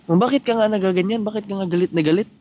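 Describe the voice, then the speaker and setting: A man's voice: sits high, rapid-fire, mellow, a little hiss or hum. A young man vlogging casually outdoors in the rain, coaxing and pleading with his girlfriend and repeating pet names. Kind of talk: casual vlog chat.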